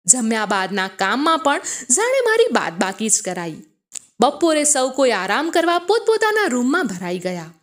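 A woman tells a first-person family story with an expressive, storytelling delivery. Her voice sits high and moves through a wide, lively pitch range. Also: normal speed.

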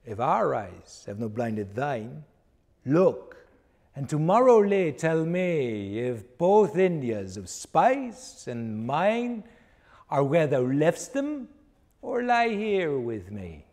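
A middle-aged man recites verse in Shakespearean English, in an early modern original-pronunciation accent. His delivery is declamatory and slow, with big sweeps of pitch. His voice rings with long reverb in a wooden recital hall. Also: very animated, darkish tone. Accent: reconstructed early modern English pronunciation. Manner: declamatory, dramatic, projected to the room. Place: wooden recital stage indoors.

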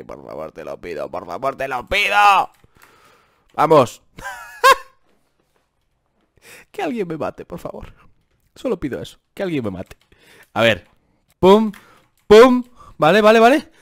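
A young man with a Spain Spanish accent giving gameplay commentary, exasperated and complaining, with dramatic outbursts. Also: a little high. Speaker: gaming youtuber.

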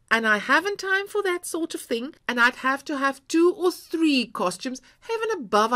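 A woman plays a young wife at the end of her tether, raised in pitch and loud, her lines wavering between pleading and sobbing anger. The pitch leaps about as she rails, all in a storybook reading. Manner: pleading, quick to fury and sobbing. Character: frustrated, tearful young wife.

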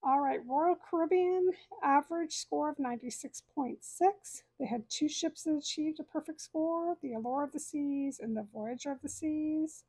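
A cruise channel host in her thirties reads scores aloud from a room at home, explaining them in a friendly, casual walkthrough of the data. Her voice is high and a little mellow, and she talks at normal speed with hardly any pauses. The recording is dry and rough.

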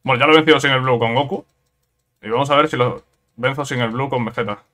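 A man commentates his own gameplay in a casual let's-play style, his voice bright and pitched in the middle range. He talks in excitable bursts, repeating words and tacking on quick tag questions. Keyboard clicks can be heard behind him.

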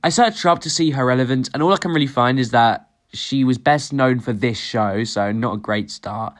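A man's voice: mid-range voice, normal speed. Sarcastic teenage boy commentator. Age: teens. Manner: sarcastic, swearing, mocking. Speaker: YouTube commentator. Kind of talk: reaction commentary.

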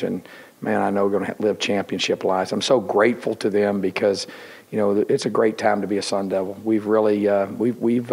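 A middle-aged man, a head football coach, talking at a post-game press conference into a table microphone, rambling and halting with many fillers and restarts. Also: on the low side, creaky, a little mellow. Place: indoor press room.

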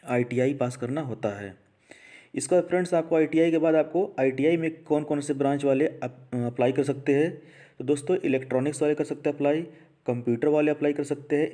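A man with a mellow, medium-pitched voice hosts an education channel, giving an informal explainer to an unseen video audience. He talks conversationally, repeating phrases and often tossing in check-in tags.

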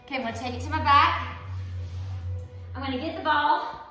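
High-pitched woman, encouraging aerobics instructor. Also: a little fast, bright, forceful tone. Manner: encouraging aerobics-instructor cueing while exercising, with exclamations. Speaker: aerobics instructor leading a core workout. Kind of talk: live exercise class instruction with counting and cueing. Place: living room with hard wood floor, indoors. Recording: very echoey room, faint music behind.

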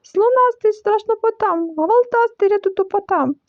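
A woman's voice: lively intonation, moderate pace, no echo. A woman voicing a small, timid piglet boy who shrieks in panic. The recording is dull and lo-fi. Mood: panicked. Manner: shrill panicky squealing.

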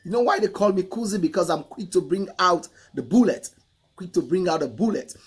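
A middle-aged man with a husky voice, reacting to a song in casual commentary and repeating phrases for emphasis. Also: sits high, expressive, a little fast. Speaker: music reaction host. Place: indoor room, photo-covered wall. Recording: music playing faintly behind. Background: hip hop song.

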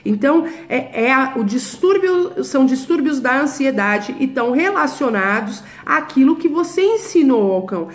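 Instructive woman, fairly high voice. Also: very animated, normal speed, hardly any pauses. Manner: direct, instructive, checks in with listeners. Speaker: dog trainer. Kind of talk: educational talk to camera.

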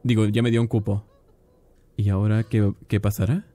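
A man casually commentating a game, chatty and excitable, talking to his viewers. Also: lowish voice, moderate pace. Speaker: gaming youtuber. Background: game music.

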